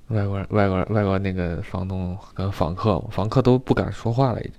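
A man's voice: low voice, steady tone, a little fast, a little mellow, no echo. A man telling a story in a rambling, casual way, repeating words often. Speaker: vlogger.

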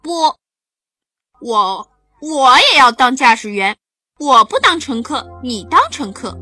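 A woman's voice: high voice, lively intonation, slow, sharp tone, no room sound, faint music behind, heavily acted. A woman voicing a stubborn, pouty little child in a bedtime story.

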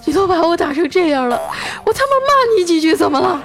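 A woman voicing a hot-tempered young man who yells through tears. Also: extremely high pitch, big pitch swings, fast talker, pitched above the performer's own voice, exaggerated voice. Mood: tearful yelling. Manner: tearful shouting.

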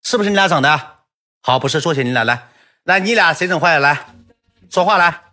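A man's voice: a little high, expressive, brisk, bright, forceful tone, faint music behind, voice pushed up. A man playing a stern middle school teacher who questions students, with a Northeastern Mandarin accent. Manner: interrogating, commanding.

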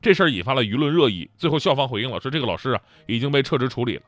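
A man's voice: mid-range voice, animated, rapid-fire, no room sound. A man performing a stand-up comedy monologue, telling stories with acted-out quotes and rhetorical questions. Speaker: talk show comedian.

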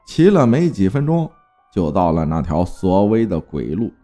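A man narrating a spooky folk tale in a lively, dramatic way. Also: normal speed, soft background music. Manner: lively, dramatic telling with big swings of pitch. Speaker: storyteller.

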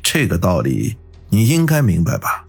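Narrator voicing a cold scheming boss, husky, low-pitched. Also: male voice, wildly swooping pitch, normal speed, soft background music, exaggerated voice. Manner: cold, menacing. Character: cold scheming middle-aged gang boss.

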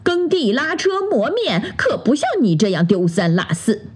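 A woman's voice: on the high side, big pitch swings, moderate pace, a little mellow, slightly rough, heavily acted. Woman doing a scolding old ox. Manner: scolding, lecturing. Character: stern older male ox.

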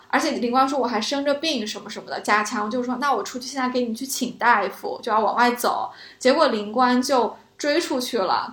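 A woman co-hosting a casual chat about a classic novel, telling scenes with animated delight and laughing often. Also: a little high, echoey room. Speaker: podcast co-host.

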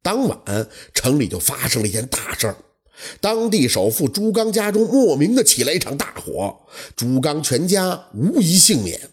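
Husky, lively male storyteller. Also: on the high side, normal speed. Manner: colloquial, lively, chatty. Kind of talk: folk tale narration.

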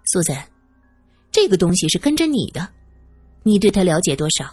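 A woman's voice: fairly low pitch, very animated, moderate pace, a little mellow, breathy edge, dry recording, faint music behind. A woman voicing a bossy, distrustful woman who presses with doubtful questions. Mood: suspicious. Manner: probing, doubtful, commanding. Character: suspicious, domineering woman, quick to anger.

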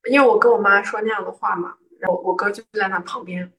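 A woman's voice: mid-range voice, fairly even intonation, quick pace, fairly bright tone. A young woman from Guangzhou tells a personal story in casual chat, acting out the quoted lines of an argument with rising indignation. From Guangzhou, southern China. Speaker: guest telling a personal story. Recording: voice picked up from a distance.

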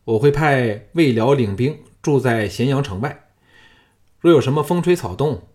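A man voicing a young, proud and scheming king who is uneasy before his general, speaking in a raised, forceful voice in an audiobook. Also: medium pitch, lively intonation, moderate pace, voice pushed up, close to an everyday voice.

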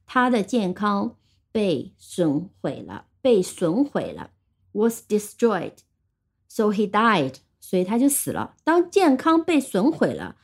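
A woman teaching English vocabulary on a podcast, explaining in Chinese and reading English example sentences slowly, spelling words out letter by letter. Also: medium pitch, a little mellow.

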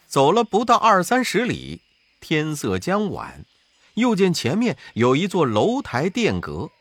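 Slow, lively male storyteller. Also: fairly high pitch, no room sound. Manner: expressive, rising and falling for effect. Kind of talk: storybook narration.

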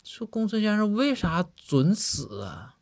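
Man voicing a high, excitable, naive young constable, lively swings in pitch. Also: measured pace, creaky, heavily acted. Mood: eager, naive. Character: eager timid young male constable Zhao Hu.

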